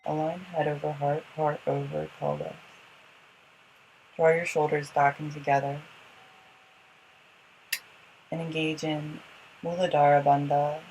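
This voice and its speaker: A yoga instructor giving slow guided breathing instruction in measured, short phrases with pauses between them. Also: medium pitch, level tone, gravelly, a little mellow, slight background noise, low-quality recording.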